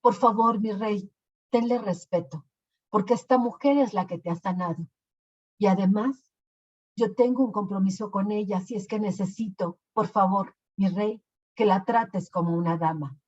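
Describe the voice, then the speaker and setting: A woman voicing a gentle, earnest young knight. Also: high voice, normal speed. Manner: earnest, courteous. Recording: lo-fi recording.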